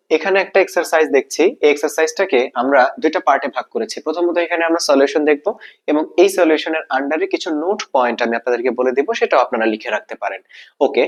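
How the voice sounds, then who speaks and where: With a Bangladeshi accent and a voice on the high side, a man teaches a grammar lesson for exam prep, repeating key points and asking questions to check understanding.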